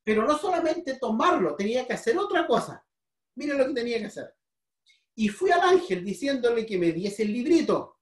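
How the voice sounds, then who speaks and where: Captured from a distance in a roomy church hall, a Chilean-accented woman leads a Bible lesson in a slightly high, sing-song voice at a somewhat fast clip. She poses questions to the congregation and repeats her words often.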